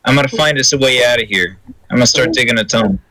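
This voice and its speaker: A man doing a hushed scheming prisoner. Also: mid-range voice, quick pace, no echo, lightly acted, low-quality recording. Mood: conspiratorial. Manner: whispering conspiratorially. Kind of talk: tabletop role-play.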